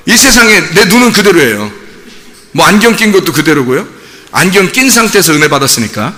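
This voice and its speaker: A male pastor delivering a Sunday sermon in a church sanctuary, his voice carrying a long hall reverb. He talks in a high, very bright, sharp tone that leaps around in pitch, swinging from shouted emphasis to quiet, amused asides. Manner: animated, swings from shouting to soft asides, chuckles.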